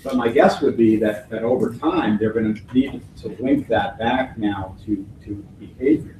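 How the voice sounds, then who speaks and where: In a hotel conference hall, a man giving a keynote thoughtfully fields audience questions, restarting phrases and dropping folksy sayings. His voice is fairly low and darkish, at normal speed, recorded from a distance in an echoey hall with faint noise.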